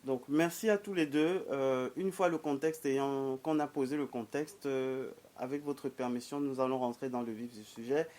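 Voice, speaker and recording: A man's voice: medium pitch, steady tone, darkish tone. Formal French-speaking male interview host. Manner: measured, formal, with many hesitations.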